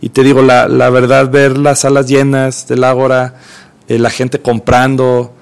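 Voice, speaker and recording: A man's voice: medium pitch, completely flat delivery, measured pace, vocal fry, smooth. A man in casual talk as an event organizer, rambling and repeating words as he thinks. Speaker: cultural event organizer guest. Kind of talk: casual radio chat.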